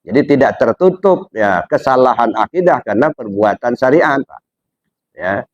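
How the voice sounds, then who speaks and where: A man giving a religious study lecture, asking his listeners rhetorical questions and jumping up in pitch to stress his points. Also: expressive, normal speed, dry recording, dull audio. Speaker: Islamic religious teacher.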